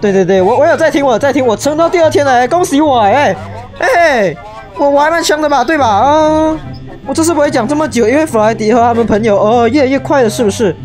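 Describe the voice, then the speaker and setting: A young woman giving excitable, shrieking let's play commentary, peppered with English exclamations. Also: sits high, quick pace, soft background music. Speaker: gaming YouTuber.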